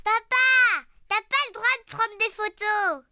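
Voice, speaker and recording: A woman voicing a cheerful, bossy little girl pig, about four, in a children's cartoon dub, with an excitable singsong delivery. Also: very high-pitched, slow, a little hiss or hum, exaggerated voice. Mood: playful, dramatic.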